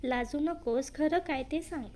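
A woman's voice: high voice, unhurried, darkish tone. A woman voicing a teasing, bossy middle-aged aunt in a read-aloud story, scolding playfully.

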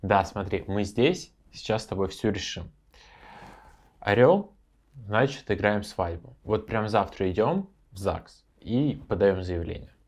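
A man's voice: on the low side, animated, measured pace, darkish tone. Young man, defensive boyfriend, played by an actor; natural delivery, exasperated and weary. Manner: bickering, then tired and resigned. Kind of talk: short film acting.

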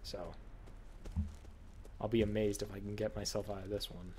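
A man's voice: lowish voice, flat delivery, moderate pace, dark tone, a little hiss or hum. A man giving casual, exasperated, sweary commentary while he plays a horror video game. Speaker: gamer commentating on own play.

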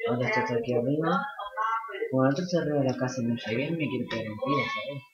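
Excitable man doing let's play commentary. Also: mid-range voice, quick pace, muffled recording, a loud crowd. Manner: excitable, swears, repeats words in bursts. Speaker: gaming channel host. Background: video game music.

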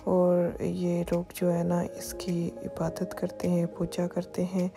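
A woman's voice: fairly low pitch, monotone, slow, creaky, over music. A woman vlogging a walking tour outdoors through city streets at dusk, chatting casually and pointing out sights as she goes. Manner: chatty, repeats "ye dekhiye" while pointing things out. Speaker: travel vlogger.

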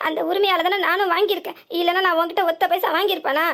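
A woman's voice: extremely high pitch, fairly even intonation, rapid-fire, fairly bright tone. A woman voicing a poor, proud old village woman with a southern Tamil Nadu accent, pleading and reproachful. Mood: hurt. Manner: pleading, self-pitying reproach.

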